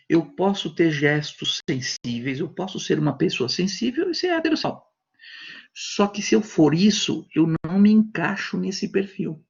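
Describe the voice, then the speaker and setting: A man's voice: fairly high pitch, gravelly, slightly rough, lo-fi sound. A man with a Brazilian Portuguese accent giving a university class over a video call, talking conversationally and acting out little voices in his examples. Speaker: university lecturer. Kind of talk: online class lecture.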